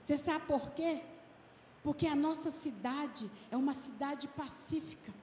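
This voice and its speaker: A woman pastor giving an emphatic sermon, stretching out key words slowly. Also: high voice, a little mellow, a little hiss or hum. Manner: emphatic preaching, slow and drawn-out stresses. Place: church. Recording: echoey hall with long reverb, faint ambience.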